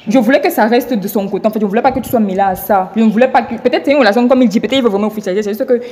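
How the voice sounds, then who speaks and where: A woman's voice: fairly high pitch, racing, a little mellow, big-room sound. A woman apologizing and pleading with her sister in a street interview, outdoors. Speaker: sister in a street loyalty test. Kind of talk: emotional street conversation.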